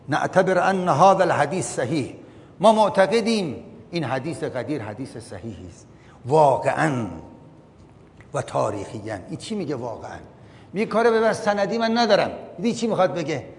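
Man lecturing in a reverberant hall. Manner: reads Arabic passages then explains them, asks the listeners questions. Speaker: religious lecturer. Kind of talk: religious lecture reading and explaining a text. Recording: long hall reverb with faint rumble.

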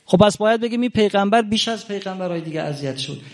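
Male preacher with a gravelly voice, impassioned sermon delivery, loud peaks and hushed asides. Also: high voice, expressive. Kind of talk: religious sermon.

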